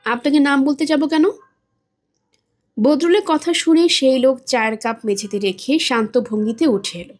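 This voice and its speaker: A woman narrating a novel as a storyteller, steady and expressive. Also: high-pitched. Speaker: storyteller, audiobook reader. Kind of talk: novel reading.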